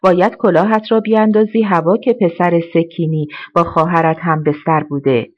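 A reader voicing a cold, threatening male crime boss who makes slow, intimidating threats, in a slightly dull recording. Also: medium pitch, fairly even intonation, close to an everyday voice. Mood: menacing.

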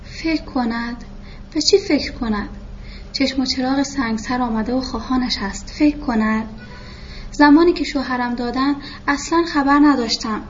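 A woman's voice: sits high, close to an everyday voice. A woman voicing a blunt, domineering older woman who demands an answer at once, in a muffled recording with faint hiss. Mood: indignant. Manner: blunt, imperious. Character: stern older woman, domineering matchmaking mother.

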